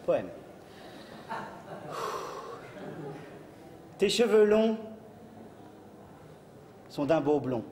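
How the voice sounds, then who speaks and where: An actor playing a vain, lovelorn poet in a stage comedy, hamming it up with theatrical declamation. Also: male voice, a little high, big pitch swings, takes it slowly. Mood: declaiming. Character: lovelorn, vain amateur poet, earnest husband of Marianne. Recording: echoey noisy theatre with audience.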